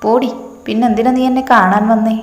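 A woman's voice: fairly high pitch, steady tone, fairly quick, soft background music, close to an everyday voice. A woman voicing a sulky young man who fakes anger at his sweetheart in a storybook, in a teasing, complaining manner. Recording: echoey room with long reverb.

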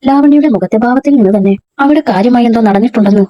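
A woman narrating a serialized story in a brisk, steady storytelling manner. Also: fairly high pitch, dull audio. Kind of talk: scripted narration.

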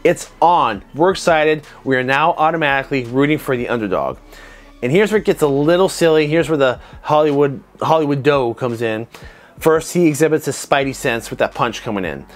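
Man, 30s, martial arts instructor, animated analytical commentary, lapel mic, home studio, faint background music. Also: mid-range voice. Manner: animated, conversational, self-described nitpicker. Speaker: martial arts instructor reviewing fight scenes. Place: home studio room with desk lamp and monitors. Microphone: clip-on lapel mic.

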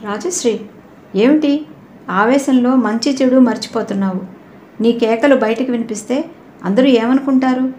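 Woman doing an earnest young husband for a storybook, persuasive, mellow tone, echoey room, barely a put-on voice. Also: on the high side, normal speed, long pauses, a little hiss or hum, natural voice. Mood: pleading. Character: young husband, pleading and placating. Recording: roomy echoey recording.

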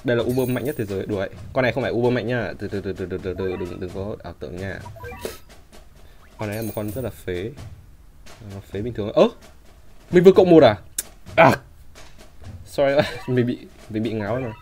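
A man hosting a gaming channel, chatting casually through his game pulls and bursting into loud, shouting surprise at good results. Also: fairly low pitch, fairly even intonation, brisk, long pauses, faint music behind.

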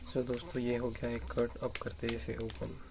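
A man's voice: mid-range voice, normal speed, background noise. A man casually narrating an unboxing and setup tutorial, speaking steadily to viewers while his hands work on a table at home. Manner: steady explanatory, frequent address to viewers. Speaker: unboxing vlogger. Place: indoors at home, camera over tabletop.

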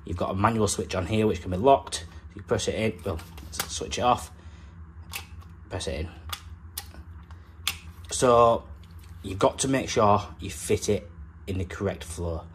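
Filming his job on a factory floor and then in a house kitchen, a young plumber casually explains each step in a practical, chatty vlog. His voice is fairly low and unhurried with frequent pauses, and there's slight background noise.

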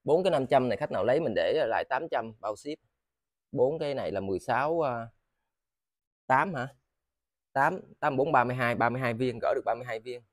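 Southern Vietnamese man, halting casual sales patter. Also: mid-range voice, animated, no room sound, studio quality. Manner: halting, repeats words and phrases. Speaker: seller of used motors and machine parts. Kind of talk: casual, rambling sales vlog. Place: indoors in a cluttered tiled storeroom.

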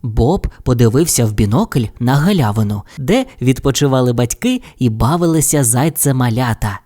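A woman narrating a children's audio fairy tale in an expressive storytelling manner. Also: very deep voice, normal speed.

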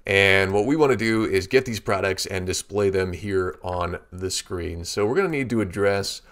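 A programming tutorial instructor with a low voice explains code in a screen-recorded walkthrough. He goes through it steadily, step by step, at a moderate pace.

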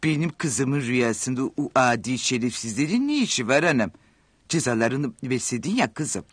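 A man's voice: medium pitch, lively intonation, normal speed, husky, no echo. A man playing a middle-aged mother in a television sitcom, exclamatory, sarcastic and dramatic. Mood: dry sarcasm.

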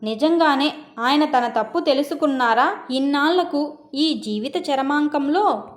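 A woman reading a first-person story aloud in a measured, sorrowful way. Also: sits high. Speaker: story narrator.

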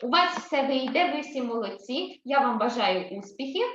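A high-voiced woman teacher talks young children through a reading lesson, slow and deliberate, repeating each point. Her pitch rises and falls a lot. She sounds a bit muffled in an echoey room. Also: animated, fairly bright tone, slight background noise. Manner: slow, clear and repetitive, addressing children. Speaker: primary school teacher.

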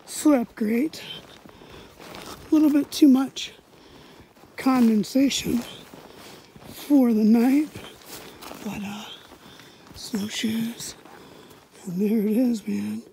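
Host type: cheerful, chatty woman with a slightly high voice, talking to camera outside in the snow. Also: slow pace, pauses often, dark tone, a little hiss or hum. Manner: upbeat, chatty, laughs easily. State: a little out of breath at times. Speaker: vlogger, host of the hiking channel. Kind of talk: casual outdoor vlog chat. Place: outdoors at a snowy winter campsite.

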